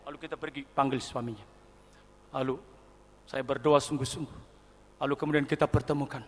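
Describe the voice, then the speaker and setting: A middle-aged male pastor from Indonesia preaching a sermon as a story, acting out voices and swinging from quiet asides to shouts. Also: medium pitch, steady tone, fairly quick. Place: large indoor arena. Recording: reverberant arena hall.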